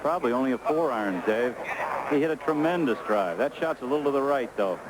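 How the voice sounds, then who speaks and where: A man's voice: mid-range voice, animated, fast, noisy background. A man giving on-course golf commentary on an outdoor broadcast.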